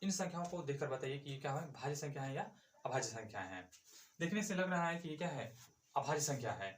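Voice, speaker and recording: A man's voice: fairly high pitch, expressive, fast, roomy sound, a little hiss or hum. A male math teacher explaining a lesson step by step, asking and answering his own questions as he goes.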